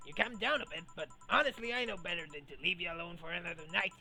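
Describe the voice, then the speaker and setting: A woman's voice: fairly low pitch, lively intonation, quick pace, gravelly, sharp tone, faint music behind, voice pushed down, heavily acted. A woman voicing a blunt, bossy woman bar owner in a visual novel game, firm and commanding.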